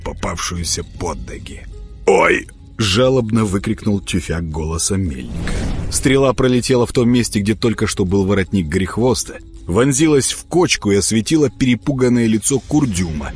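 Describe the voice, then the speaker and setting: Dramatic male storyteller, raspy and husky, very expressive, faint music under him. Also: medium pitch. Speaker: audiobook narrator. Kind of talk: scripted narration.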